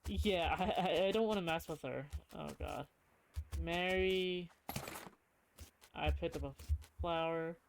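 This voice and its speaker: A game streamer giving casual playthrough commentary and reading game text aloud, hesitant and thinking out loud. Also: mid-range voice, takes it slowly, creaky, long pauses, background noise.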